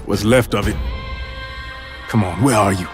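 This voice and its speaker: An actor playing a defiant, angry soldier hero in a video game, combative and terse. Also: male voice, lowish voice, moderate pace, close to an everyday voice. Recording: game music and effects behind.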